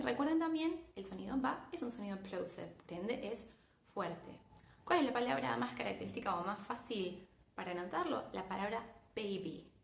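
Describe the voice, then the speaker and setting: Argentine woman teaching, slight vocal fry. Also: medium pitch, echoey room. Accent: Argentine Spanish. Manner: clear, emphatic, exaggerates example sounds. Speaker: English pronunciation teacher. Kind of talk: online lesson.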